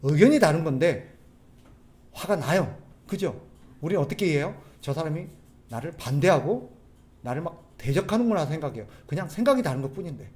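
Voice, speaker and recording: A man preaching a sermon as a pastor, animated, putting rhetorical questions to the congregation. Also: a little high, brisk. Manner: acts out quoted people's voices.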